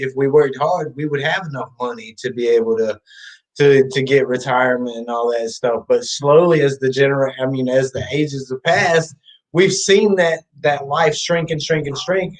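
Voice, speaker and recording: A man from Ohio hosting a podcast conversation, talking casually and haltingly, with many fillers and restarts. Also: medium pitch, poor audio. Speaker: podcast host.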